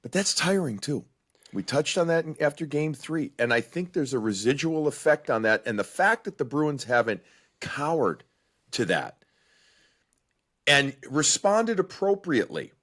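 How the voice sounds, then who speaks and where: A man co-hosting a sports podcast, talking with animated emphasis in casual chat. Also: fairly high pitch, measured pace. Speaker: podcast co-host.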